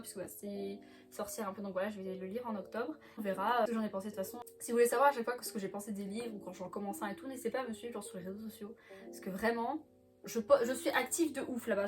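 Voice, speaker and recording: A young woman vlogger chatting casually about her books from the floor, laughing often and filling pauses with little hesitations. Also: on the high side. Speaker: book vlogger. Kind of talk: casual chat. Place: bedroom floor by a bookcase.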